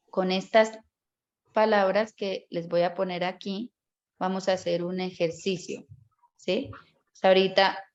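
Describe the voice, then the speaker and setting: A woman's voice: medium pitch, a little mellow, muffled recording. A woman teaching a Bible course class, explaining step by step and often checking in with her students. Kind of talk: online class lecture.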